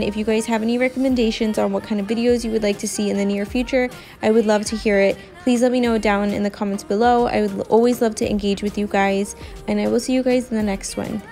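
A woman's voice: medium pitch, a little mellow. A young woman chatting casually as she narrates her home cleaning video, with lots of filler words. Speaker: cleaning vlogger.

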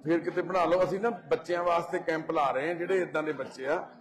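A man with a Punjabi accent, gently reassuring visitors at a charity and giving them firm advice. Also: on the high side, fairly even intonation, quick pace. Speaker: head of a charity society, meeting visitors. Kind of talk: casual, comforting talk with visitors. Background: crowd chatter.

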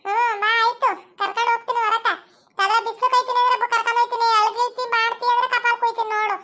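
Picture a bossy village mother with a piercingly high voice and a North Karnataka Kannada accent, as a young woman acts her out in a comedy skit. She fusses over babies, teasing and scolding them in a sing-song coax. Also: level tone, rapid-fire, pushed and bright. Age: young adult.

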